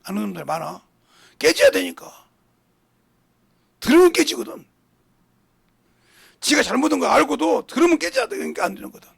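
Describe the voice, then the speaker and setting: A man preaching a sermon as pastor, blunt and scolding, with big swings between loud and quiet. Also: very high-pitched, sing-song, moderate pace, long pauses. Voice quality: gravelly, husky voice. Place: church sanctuary.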